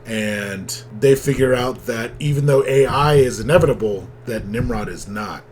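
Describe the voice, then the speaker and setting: A man co-hosting a casual comic book discussion, relaxed, with frequent fillers and laughs. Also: medium pitch, normal speed, slight background noise. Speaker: comic book podcast co-host. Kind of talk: casual chat.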